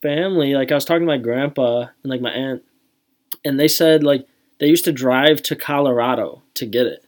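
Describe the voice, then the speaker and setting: A woman's voice: very deep voice, fairly quick, darkish tone. Young woman from michigan chatting on a podcast, rambly, says like a lot. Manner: rambling, hedging with lots of "like". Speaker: podcast co-host. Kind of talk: casual chat.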